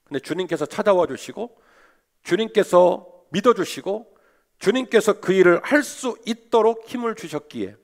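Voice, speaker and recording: Male pastor, sermon, fairly high voice that rises and falls a great deal, rhetorical questions. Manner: animated, asks the congregation rhetorical questions.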